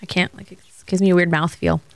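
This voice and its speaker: A woman in her thirties co-hosting a casual chat podcast, telling stories with lively, animated quoting. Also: fast talker, creaky, dry recording. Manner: animated storyteller, jumps into high voices when quoting. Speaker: podcast co-host.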